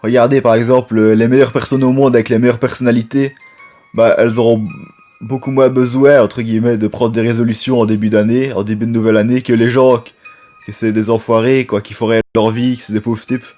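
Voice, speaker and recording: A man with a low voice gives loose, rambling commentary on a game he is playing. He wanders off topic often and speaks to the audience as his friends. Faint game music plays underneath. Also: level tone, a little fast, warm tone. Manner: rambling, chatty, addresses viewers as friends. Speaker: gaming YouTuber. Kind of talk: casual gameplay commentary.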